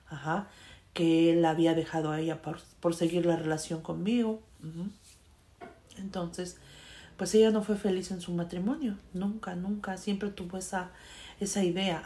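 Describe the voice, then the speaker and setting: Mellow-voiced Mexican woman telling a story. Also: lowish voice. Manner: conversational, frequent fillers, trails off softly. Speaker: storyteller sharing a personal experience. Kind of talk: casual spoken personal story.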